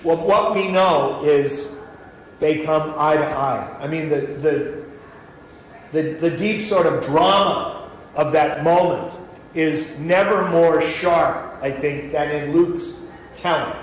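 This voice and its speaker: Slow, thoughtful pastor from New York. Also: male voice, on the high side. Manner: slow, thoughtful, with frequent fillers and restarts. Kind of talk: Bible study talk. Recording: echoey room with faint noise.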